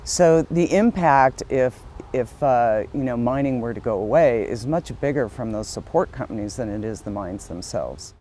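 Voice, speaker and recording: A man explains figures in an interview, speaking at normal speed in a mid-range, slightly mellow voice with lively intonation. There is slight background noise.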